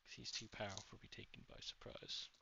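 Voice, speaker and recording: A man's voice: fast talker, background noise. A man narrating as game master of a tabletop game, rambling with many fillers and restarts. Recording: dull lo-fi audio.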